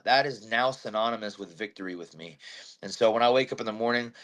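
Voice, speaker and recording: A man who fights bare-knuckle, talking brashly after a bout, swearing and telling fight stories with energy. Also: on the low side. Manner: brash, swearing, animated storytelling. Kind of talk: post-fight interview.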